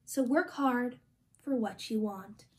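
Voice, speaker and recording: In a small indoor room, a young woman storytime reader reads a picture book to children in a high voice. She goes very slowly and deliberately, with gently expressive phrasing.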